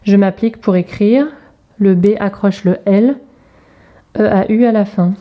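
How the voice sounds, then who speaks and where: A woman teacher, talking young pupils through an exercise in a remote lesson video, spelling out sounds and letters slowly and carefully. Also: medium pitch, fairly even intonation, muffled recording. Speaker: primary school teacher.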